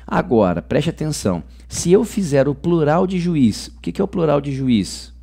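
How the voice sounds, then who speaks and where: A man's voice: fairly high pitch, very animated, normal speed, gravelly, dark tone. A man with a Brazilian Portuguese accent teaching a grammar lesson online, chatty and informal, tagging sentences with "ok?". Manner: chatty, says "ok?" and "moçada" often.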